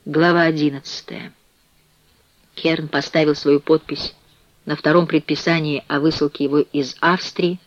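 Male audiobook narrator, expressive and measured; dry, slightly dull sound. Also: a little high, no room sound.

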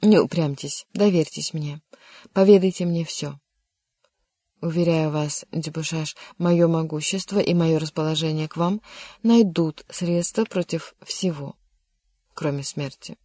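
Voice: mid-range voice, steady tone, unhurried, no room sound, studio quality, close to an everyday voice. A reader voicing a kindly but insistent older king in an audiobook, coaxing and at times vexed. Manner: warm, coaxing, sometimes vexed. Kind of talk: audiobook character reading.

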